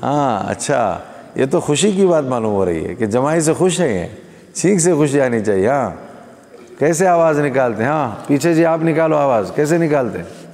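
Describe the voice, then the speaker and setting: A man's voice: a little high, big pitch swings, a little mellow. A man preaching a sermon to a live gathering, asking rhetorical questions and speaking directly to the audience. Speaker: Islamic preacher. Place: gathering hall. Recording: long hall reverb.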